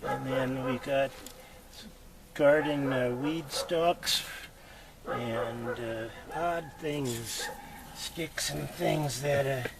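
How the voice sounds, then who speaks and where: An older man giving a casual do-it-yourself demonstration inside a small greenhouse, talking in an unhurried, folksy way full of fillers. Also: medium pitch, gravelly. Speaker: homesteader showing his build. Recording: noisy camera audio.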